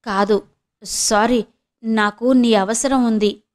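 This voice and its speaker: A frail old man, read by a woman who speaks in soft, pleading tones. He sounds humble, as if he is asking for help he knows he may not get. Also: on the high side, steady tone, moderate pace, natural voice.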